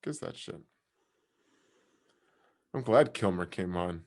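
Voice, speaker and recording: A man's voice: low-pitched, expressive, slow pace. A man co-hosting a show, making crude laughing commentary on video chat strangers. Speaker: podcast co-host. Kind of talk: crude casual banter.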